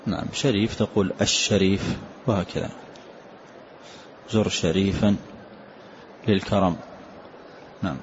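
A low-voiced older man explains a recitation poem line by line, teaching its rules in a calm, patient, repetitive way. He pauses to affirm his student with a short "na'am." The recording is dull and lo-fi, with a faint hiss behind him.

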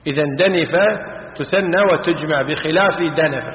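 A man's voice: fairly high pitch, normal speed, a little hiss or hum. A man teaching a grammar lesson. He repeats example forms and quizzes his students with questions. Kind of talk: classical Arabic grammar lesson. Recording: echoey hall, dull lo-fi sound.

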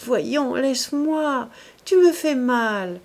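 A woman's voice: medium pitch, expressive, slow pace, a little mellow. A woman reading the part of a teasing, restless young society woman in an audiobook, in a lilting voice. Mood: embarrassed.

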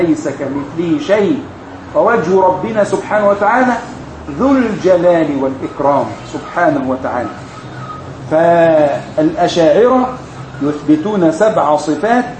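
A man gives a religious lesson. He explains classical grammar slowly and point by point, like a teacher. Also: on the high side, a little mellow. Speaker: sheikh teaching a women's study course. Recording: echoey room with faint ambient noise.

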